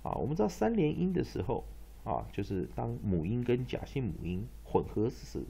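A man teaching English pronunciation, spelling out letters and repeating words to drill them, often ending phrases with a soft "ha". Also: medium pitch, very animated, moderate pace, vocal fry, slightly rough. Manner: tags phrases with a soft "ha" particle. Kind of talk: pronunciation lesson.

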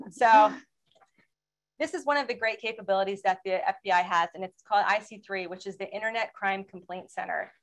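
A woman speaking as a panelist in a webinar presentation, explaining in a steady way and asking for slide changes. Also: mid-range voice, low-quality recording. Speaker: federal law enforcement panelist.

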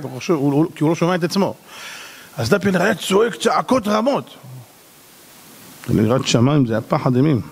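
A rabbi giving an animated sermon, acting out little dialogues and shouting at the peaks. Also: male voice, medium pitch, creaky, breathy edge, in a large hall.

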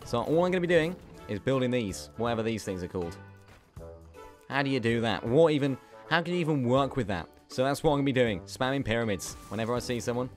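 A young man giving excitable, giggly commentary over his own gameplay, talking to himself as he plays. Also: mid-range voice, fast, faint music behind. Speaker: gaming YouTuber.

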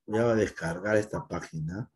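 Here the middle-aged computer teacher's voice sits on the low side, slightly rough and a little mellow, at a moderate pace. Recording his lesson, he talks to a single student directly, sometimes voicing that student's fears.

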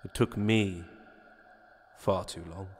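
A man's voice: low voice, fairly even intonation, slow pace. A man voicing a mocking, formless shadow entity. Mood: taunting. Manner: taunting, smooth and condescending. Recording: long reverb.

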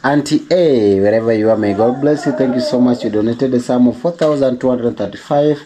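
A man's voice: mid-range voice, brisk, crowd noise. Chatty Kenyan man vlogging. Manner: chatty, repeats words, thanks donors warmly. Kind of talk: casual vlog talk.

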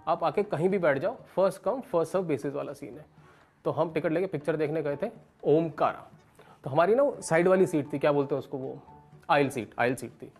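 A man in his thirties performs stand-up storytelling straight to the camera in a small indoor room. He tells it with animated energy, slipping into other people's voices. Faint music sits quietly underneath. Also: a little high. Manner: animated, acts out characters with raised voice. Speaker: stand-up comedian.

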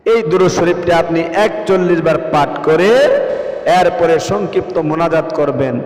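A man preaching, teaching prayers and chanting the recitations in a slow, drawn-out melodic way. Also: on the high side, darkish tone. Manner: pleading, emotional supplication. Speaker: Islamic preacher. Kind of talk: devotional instruction with chanted recitation. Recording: echoey reverberant room with faint music.

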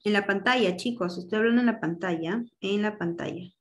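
A woman's voice: medium pitch, brisk. A woman teacher running an online class, giving directions and patiently explaining grammar with examples.

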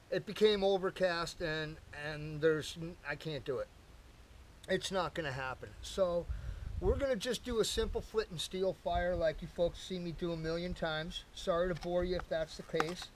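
A man's voice: sits high, moderate pace, a little hiss or hum, rough recording. Chatty folksy older man outdoors. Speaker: camping vlogger. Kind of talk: casual outdoor talk to camera. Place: outdoors at a lakeside campsite fire pit. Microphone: camera-mounted mic from a few meters away.

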